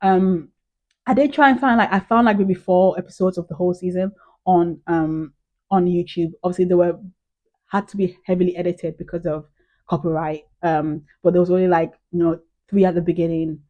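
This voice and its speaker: A woman's voice: on the low side, fairly even intonation, moderate pace, muffled recording. A young British woman chatting casually to camera as a vlogger, gushing and full of "like" and "um". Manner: chatty, gushing, heavy use of "like" and "um".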